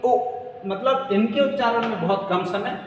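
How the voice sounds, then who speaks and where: A man's voice: sits high, lively intonation, a little slow. A man teaching a lesson, repeating points and asking and answering his own questions. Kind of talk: classroom lecture. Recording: echoey room, mic at a distance, faint hum.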